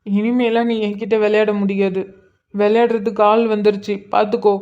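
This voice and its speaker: A woman's voice: medium pitch, little pitch movement, normal speed, a little mellow, lo-fi sound, close to an everyday voice. A woman voicing Arjun, an apologetic young husband and new father in a cartoon, speaking in a subdued way. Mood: reassuring. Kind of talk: cartoon voice acting.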